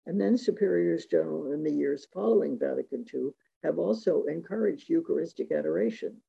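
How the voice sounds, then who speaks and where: A man giving a reflective talk on religious devotion, measured and reading quotations aloud, in a dull lo-fi recording. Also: a little high, expressive, gravelly, warm tone, slightly rough. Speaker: speaker giving a talk on Eucharistic spirituality.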